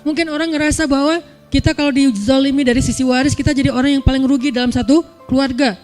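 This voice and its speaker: A man's voice: extremely high pitch, fairly even intonation, fast, darkish tone, soft background music. A man giving a casual sermon, chatty and playful, sometimes acting out little scenes for his listeners. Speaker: preacher.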